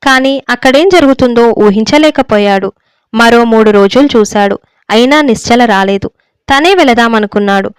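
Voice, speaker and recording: A woman storyteller reads a serial story aloud at a steady, measured pace. Her voice is smooth, clear and a little high. The close mic gives a dry, intimate sound. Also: dry recording. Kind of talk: scripted narration.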